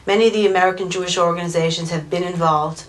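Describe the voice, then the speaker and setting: A woman's voice: fairly low pitch, steady tone, quick pace. A woman leading a community organization, explaining its work earnestly in an interview. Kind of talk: interview answers.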